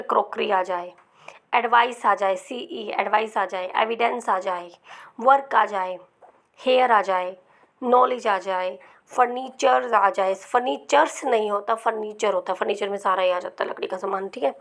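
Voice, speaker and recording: A woman teaching English grammar to exam students, explaining patiently and checking in often, sometimes dropping to a soft murmur. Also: fairly high pitch, vocal fry. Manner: explains patiently with many repeated "ठीक है" checks. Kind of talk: Hindi-language grammar lesson with slides.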